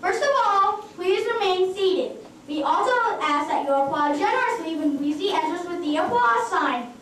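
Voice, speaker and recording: A woman's voice: extremely high pitch, lively intonation, moderate pace, fairly bright tone, heavy reverb, distant mic, a little hiss or hum. A woman playing a fussy male dwarf acting as master of ceremonies. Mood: formal. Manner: announcing, formal.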